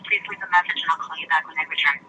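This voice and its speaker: A woman's recorded voicemail greeting, brisk and scripted, played through a phone speaker. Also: low voice, fairly even intonation, bright, forceful tone, slight background noise. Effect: voicemail greeting played over a phone speaker. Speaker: government office staffer. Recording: tinny speakerphone heard from across the room.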